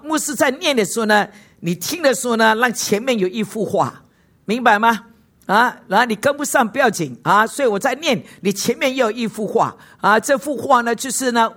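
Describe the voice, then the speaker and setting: A woman's voice: on the high side, fairly bright tone. Woman pastor preaching with constant questions. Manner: asks the congregation frequent questions; mixes in short English words. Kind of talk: sermon.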